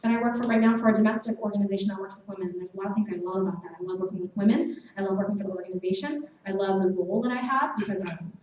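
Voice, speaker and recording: An earnest young woman speaks to students in a loose, chatty way, full of little fillers. Her voice is mellow and somewhat dark, and it reaches the mic from a distance. The large hall around her adds heavy echo and a faint hum. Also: medium pitch, fairly even intonation, rapid-fire, hardly any pauses. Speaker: guest speaker. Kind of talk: casual sermon talk to students. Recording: echoey hall from far off, faint noise.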